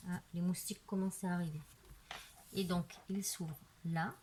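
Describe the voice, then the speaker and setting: A woman's lowish, darkish voice, fairly even in intonation and moderate in pace, narrates a casual show-and-tell of her handmade craft album as she turns the pages, peppered with "voilà" and "euh". A craft video maker, she films on a tripod camera with slight background noise.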